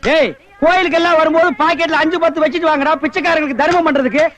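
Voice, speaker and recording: Mouthy fake beggar, very high voice, always mocking somebody. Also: male voice, fairly even intonation, very fast, a bit bright. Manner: taunting, scolding banter. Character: brash, mocking man posing as a beggar. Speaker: film comedian. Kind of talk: Tamil film comedy dialogue.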